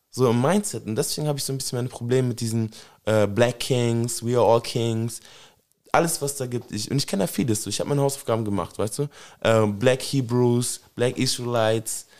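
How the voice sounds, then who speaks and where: A man's voice: medium pitch, darkish tone. A young man hosting a podcast in casual opinion chat, peppering his talk with slang fillers. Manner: slangy, fills with "weißt du" and "Digga". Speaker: podcast host.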